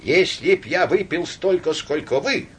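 A man voicing a sullen, stubborn older gentleman who grumbles curtly. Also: on the high side, lively intonation, unhurried, husky, voice pushed up, full character voice. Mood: grumbling. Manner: grumbling and curt.

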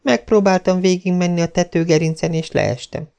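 Voiced by a man in a raised voice, a dramatic young girl speaks solemnly and theatrically. The tone is dark and gravelly, set well above his own register for a storybook heroine. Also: high voice, steady tone, voice pushed up. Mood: pained. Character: dreamy dramatic girl, about eleven.

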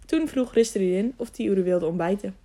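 A woman narrating a children's adventure audiobook in a calm, even way, with the odd slip. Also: mid-range voice, normal speed. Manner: calm, even storytelling with small slips.

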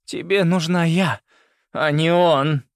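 A man's voice: high voice, animated, unhurried, creaky, a bit bright, no room sound, clean studio sound, voice pushed up, exaggerated voice. A man voicing an older grandmother she-wolf, pleading and fierce in a read-aloud story. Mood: defiant. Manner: pleading, then snarling. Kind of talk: audiobook character voice.

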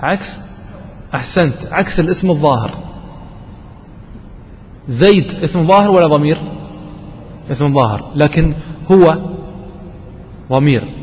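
A man teaching a grammar lesson, quizzing his students and slowing down to stress key terms. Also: a little high, lively intonation, a little mellow. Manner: asks students questions and answers them himself. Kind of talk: classroom lesson. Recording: distant voice with long reverb and faint noise.

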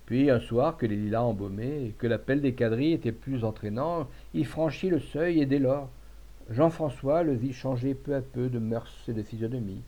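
Mellow-voiced man reading a classic tale. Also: medium pitch. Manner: measured, expressive storytelling. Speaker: narrator. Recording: dull lo-fi recording.

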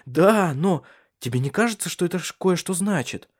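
A man's voice: sits high, lively intonation, normal speed, voice pushed up. A man voicing an anxious, insistent young wife in an audiobook, pleading with pressing questions. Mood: eager. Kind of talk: audiobook character reading.

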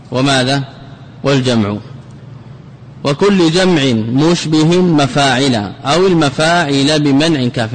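A man's voice: on the high side, a little hiss or hum, low-quality recording. A man teaching a classical grammar lesson, asking questions and answering them himself and repeating key words.

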